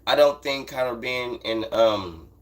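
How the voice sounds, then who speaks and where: A man's voice: medium pitch, a little slow, slight background noise. An American man hosting a casual sports talk stream, speaking in blunt, profane, emphatic slang and repeating phrases to drive his points home. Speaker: host of a boxing talk livestream. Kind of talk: casual unscripted sports commentary, answering chat.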